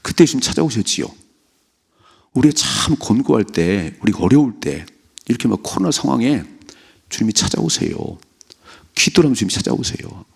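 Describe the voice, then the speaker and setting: A middle-aged male pastor preaching at a dawn prayer service, telling Bible stories with lively acted-out lines. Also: mid-range voice, a little fast, vocal fry, pauses often, husky. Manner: animated storytelling, acting out characters' lines. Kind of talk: early-morning prayer sermon.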